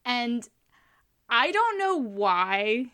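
A woman's voice: on the high side, sing-song, very slow, sharp tone. A woman co-hosting a podcast, chatting casually and gushing enthusiastically about books she loves. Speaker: podcast co-host. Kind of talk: casual book chat.

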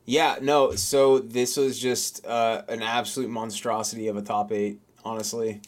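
A man's voice: fairly low pitch, level tone, measured pace. A man co-hosting a podcast, chatting casually and rambling with lots of restarts and fillers. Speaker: podcast co-host. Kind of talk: casual chat.

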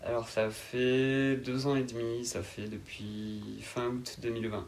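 Male, 20s, southern French accent; calm, hesitant interview guest with a mid-range voice. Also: medium pitch, unhurried, a little hiss or hum. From south of France. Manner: calm, laid-back, hesitant. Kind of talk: casual interview answers.

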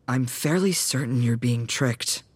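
A performer voicing an anxious, guilt-ridden young male vampire fledgling in an audio drama, earnest and quick to worry. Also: medium pitch, breathy edge.

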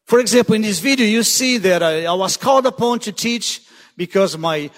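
High-voiced guest preacher, hall reverb. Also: male voice, animated, a little fast. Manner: urgent, repeats "listen" to drive points home. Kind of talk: sermon. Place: church sanctuary. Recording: long church hall reverb.

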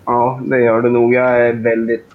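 A man's voice: medium pitch, monotone, narrow, tinny audio. A man playing a tabletop game, talking in a hesitant, fretful way. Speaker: player.

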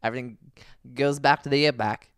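A man's voice: medium pitch, fairly even intonation, brisk, a bit bright, smooth, dry recording, clean studio sound. A young man co-hosting a podcast in casual chat, full of joking, teasing banter. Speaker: podcast co-host.

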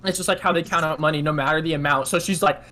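A man's voice: a little high, rapid-fire, sharp tone. A nineteen-year-old man, telling a long casual story on a podcast, rambling and filling every gap with "like". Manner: rambling, heavy use of "like", laughs often. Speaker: podcast co-host.

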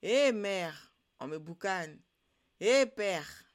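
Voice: medium pitch, monotone, measured pace, smooth, close to an everyday voice. Narrator crying out as a wailing captured catfish. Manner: cries out loudly, pleading.

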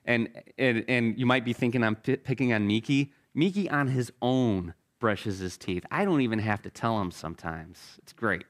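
A man's voice: medium pitch, moderate pace, hardly any pauses. A middle-aged male pastor preaching a sermon in a casual, conversational way, joking about himself and often repeating words as he restarts phrases. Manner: casual, conversational preaching with self-deprecating humor.

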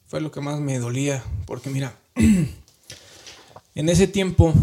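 A man's voice: a little high, a little mellow. A man with a Mexican accent, a guest earnestly recounting a personal story in colloquial, emotional speech. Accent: Mexican Spanish. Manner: earnest, colloquial, with frequent tag questions and restarts.

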